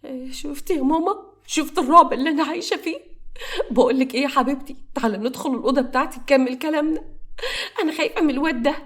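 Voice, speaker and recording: A woman's voice: high voice, rapid-fire, a bit bright, voice pushed up. A woman with an Egyptian accent voicing a frightened, insistent young wife in a spoken story. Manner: fearful, insistent.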